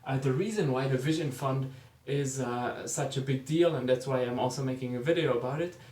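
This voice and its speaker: A man with a mid-range voice hosts a beginner-friendly finance explainer. He talks to his viewers directly in a relaxed, chatty manner. His voice rings in a noticeably roomy, echoing space. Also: medium pitch, a little fast. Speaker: finance video host.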